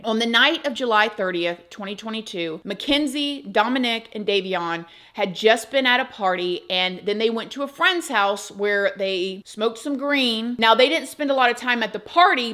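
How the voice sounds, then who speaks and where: A woman whose medium-pitched voice is a bit bright hosts a true crime channel. In a casual chat to camera, she talks to her viewers chattily and emphatically.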